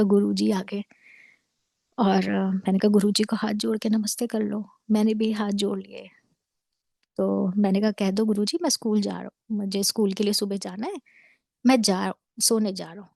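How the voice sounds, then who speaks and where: A woman in her thirties earnestly telling a devotional story to a congregation, mixing in English words and dropping to a hush at tense moments. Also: medium pitch, vocal fry, dry recording. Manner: drops to a hushed near-whisper at tense moments. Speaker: devotee sharing a testimony. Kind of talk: devotional satsang testimony.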